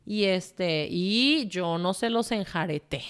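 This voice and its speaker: A woman's voice: lowish voice, animated, slow pace, clean tone. Frank Mexican woman telling her story. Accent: Mexican Spanish. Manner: frank and emotional, swears freely, rambles with fillers. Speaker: guest telling her testimony. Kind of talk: candid conversational storytelling.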